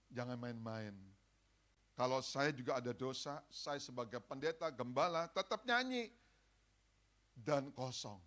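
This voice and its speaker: Guy pastor preaching at church, chatty, talks right to the crowd, loud one sec then soft and pleading. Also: medium pitch. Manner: lively exhorting, swings from loud calls to soft pleading; conversational, speaks directly to the congregation. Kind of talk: sermon. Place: church service.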